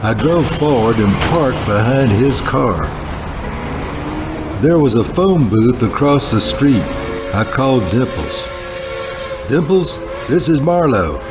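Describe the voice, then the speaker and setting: A man playing a self-important, slangy hardboiled sleuth, narrating a film noir parody in a terse deadpan. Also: medium pitch, takes it slowly. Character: self-important hardboiled male private-eye type, slangy bank manager. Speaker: narrator and lead character. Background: music under the voice.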